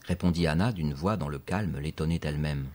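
A man narrating a story in a steady, expressive audiobook reading. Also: very deep voice, fairly quick.

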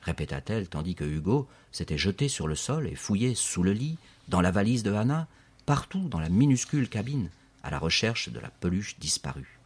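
Deep, husky male storyteller. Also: normal speed. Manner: steady, expressive storytelling. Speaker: narrator. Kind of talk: scripted audiobook narration.

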